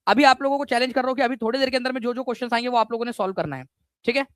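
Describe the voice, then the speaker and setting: A male teacher giving a live online exam-prep class, energetic and repetitive, quizzing his students and mixing in English words. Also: very high voice, racing, smooth, dry recording.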